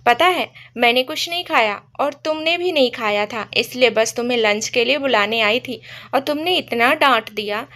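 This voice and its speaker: A woman's voice: on the high side, moderate pace, bright, forceful tone. A woman voicing a young female employee who pouts and complains teasingly about her boss. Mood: sulky. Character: sulky playful young office employee woman.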